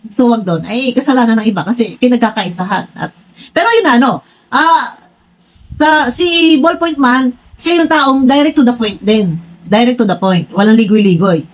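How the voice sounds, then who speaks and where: A woman's voice: on the high side, expressive, normal speed. A blunt, frank woman talking straight to her viewers in a casual commentary vlog, rambling with many restarts. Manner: blunt, frank, says she is direct to the point. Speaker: vlogger commenting on online personalities.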